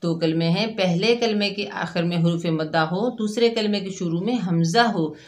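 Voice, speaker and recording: A woman teaching Quran recitation rules step by step, explaining each letter and then sounding out the syllables slowly. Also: fairly low pitch, darkish tone. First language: Urdu. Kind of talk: slow step-by-step tajweed lesson.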